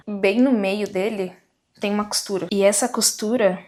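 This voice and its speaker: A young woman from Brazil, chatting to camera in a giggly, expressive, storytelling way. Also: mid-range voice, slow. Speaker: vlogger. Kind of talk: casual chat to camera. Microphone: camera mic at a distance.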